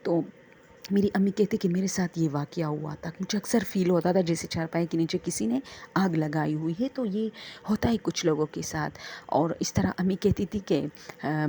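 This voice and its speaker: A woman casually telling true horror stories, hesitant with many fillers and pauses. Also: on the low side, mellow, husky. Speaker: storyteller. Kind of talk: casual spoken storytelling.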